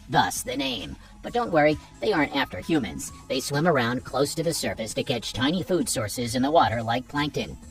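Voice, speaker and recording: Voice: mid-range voice, far from the mic. A narrator reading a scripted nature documentary countdown, chatty and speaking straight to viewers with playful asides. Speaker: narrator of a wildlife list video. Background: background music.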